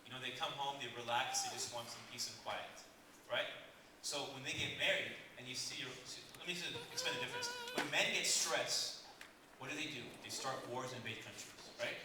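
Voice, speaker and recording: A man in his thirties doing stand-up comedy, telling stories and acting out husband and wife in an animated way. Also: medium pitch, a little fast. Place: large hall with live audience. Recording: echoey hall, distant mic, loud noise.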